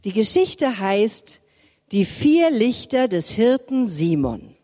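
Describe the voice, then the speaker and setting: A woman reads a children's story aloud in a church service, slow and with a lively, rising and falling voice. Her mellow tone carries a long church reverb. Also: mid-range voice. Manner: slow, expressive reading.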